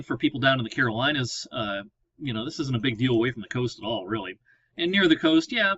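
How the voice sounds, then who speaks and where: A man's voice: medium pitch, fairly bright tone, slightly rough, dry recording. A man working as a meteorologist gives a casual weather briefing, explaining as he clicks through maps at a computer. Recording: slightly dull lo-fi audio.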